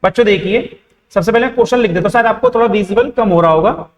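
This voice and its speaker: Young Indian man, high voice, math teacher who asks questions and answers them himself, recorded in a reverberant room. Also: fast talker. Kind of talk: board-exam math lesson. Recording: echoey room with long reverb.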